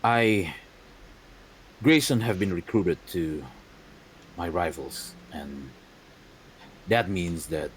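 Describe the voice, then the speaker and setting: A man voicing a grave, aging noble who heads a house, speaking slowly and in a measured way. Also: sits low, slight background noise, low-quality recording.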